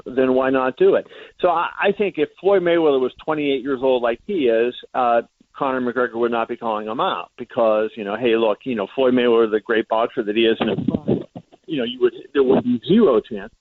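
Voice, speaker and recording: A man's voice: mid-range voice, no echo. A man, a reporter guest on a radio show, telling a story at length with many "uh" fillers. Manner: rambling, frequent "uh" fillers. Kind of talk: storytelling in a phone-in interview. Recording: dry tinny phone line.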